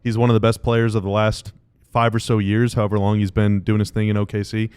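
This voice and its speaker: A man's voice: fairly low pitch, level tone, quick pace, a little mellow, smooth, no echo. A man co-hosting a sports podcast, talking in a casual, opinionated way and repeating phrases for emphasis. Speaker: podcast co-host.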